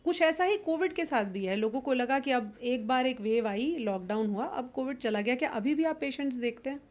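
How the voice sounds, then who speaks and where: Polite woman interviewer, slightly high voice. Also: fairly quick. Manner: polite, formal questioning. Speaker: interviewer, host. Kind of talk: interview questions.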